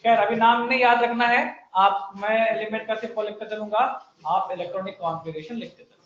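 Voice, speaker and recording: A man teaching chemistry in a classroom lecture, joking and briskly urging students to write fast. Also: sits high, fairly even intonation, a bit bright. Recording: echoey room, muffled sound.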